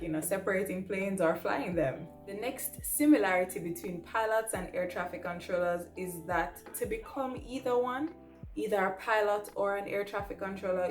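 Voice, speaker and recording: Speaking in a mid-range voice, this young adult woman from Jamaica vlogs casually to camera about her life as a pilot and air traffic control trainee. Her delivery is emphatic and chatty, and she keeps checking in with a closing "right?". The room echoes, with music running underneath.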